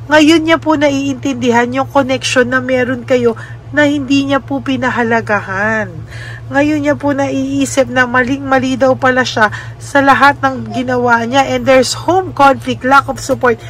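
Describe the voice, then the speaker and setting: A Filipino woman giving a casual spoken card reading to her viewers, gentle and often adding little tag questions. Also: high-pitched, fairly even intonation, unhurried, a little hiss or hum. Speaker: tarot card reader.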